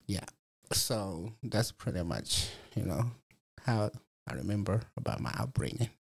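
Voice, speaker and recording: A man's voice: on the low side, lively intonation, a little slow, creaky, slightly rough. A man, telling his life story in an interview, reflective and full of fillers. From Malawi. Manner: reflective, many fillers like "you know". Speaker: program resident guest. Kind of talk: personal testimony interview.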